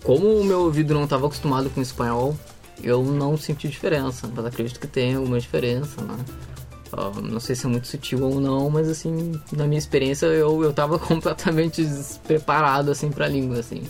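A man's voice: on the high side, steady tone, quick pace, creaky, soft background music. A young man, chatting casually as a guest about his exchange studies. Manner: storytelling, chatty. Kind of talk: casual podcast chat.

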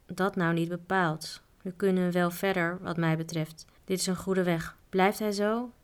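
A woman reading the lines of a gruff, grumbling male traveller in a low, flat voice. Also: normal speed, natural voice.

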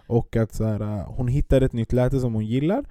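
Laid-back man with a dark voice. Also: mid-range voice. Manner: laid-back storytelling with frequent fillers. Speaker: parent. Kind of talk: casual chat.

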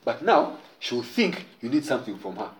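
Lively man hosting a loose chat. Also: mid-range voice, moderate pace, echoey room, a crowd in the background. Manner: loose, profane, laughing often. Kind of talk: casual group chat.

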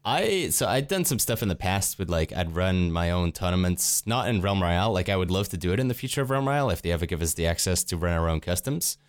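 A deep-voiced man who sounds sick, chatting casually as a podcast co-host. His voice comes across smooth and resonant, and the sound is dry and close. He rambles with plenty of ums and likes. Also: expressive, fast, hardly any pauses, dry recording. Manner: rambling, filler-heavy talk.

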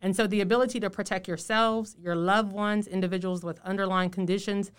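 A woman speaking through a face mask as a health official in an interview, explaining in a measured way and stressing key points. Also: medium pitch, fairly even intonation, clear, resonant tone. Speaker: public health official, podcast guest. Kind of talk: informative podcast interview.

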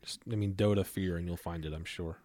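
A man's voice: low-pitched, steady tone, fairly quick, mellow. A man in his thirties hosting a podcast, chatting casually, trailing off and laughing often. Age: 30s. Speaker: podcast host. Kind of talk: casual chat.

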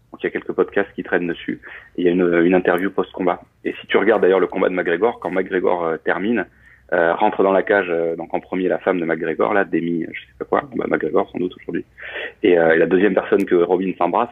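Deep husky man on a phone line. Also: fairly quick. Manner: relaxed, explanatory, many fillers and restarts. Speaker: guest, coach and former pilot. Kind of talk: casual interview talk.

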